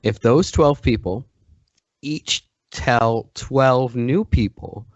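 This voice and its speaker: A man's voice: mid-range voice, slow, dry recording, highs cut off. Rambling jokey podcast co-host, a man. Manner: rambling, jokey, restarts often. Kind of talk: casual comedic chat. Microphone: new microphone.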